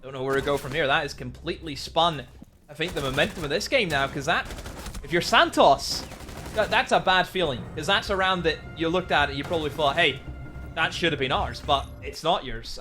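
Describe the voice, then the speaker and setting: A man's voice: a little high, brisk, pushed and bright, faint music behind. A man working as an esports caster, giving conversational commentary and analysis of a match to a co-caster.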